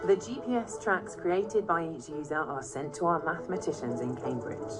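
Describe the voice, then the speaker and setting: A British woman narrates a documentary, her voice sitting a little low and her delivery steady and explanatory. Clear, measured phrasing carries over a strong music bed. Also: low-quality recording. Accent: British English. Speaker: documentary presenter.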